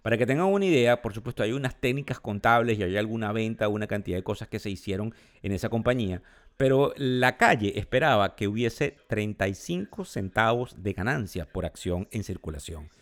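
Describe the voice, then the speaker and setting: A man's voice: on the low side, expressive, brisk. A man from Venezuela hosting a financial market show, explaining the news to his listeners and defining the terms as he goes.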